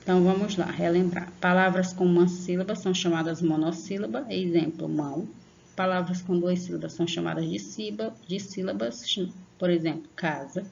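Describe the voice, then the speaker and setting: A woman teaching young children in an online lesson, patient and slow, stretching out example words and checking in often. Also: fairly low pitch, fairly even intonation, vocal fry, a little mellow, lo-fi sound, slight background noise. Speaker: primary school teacher.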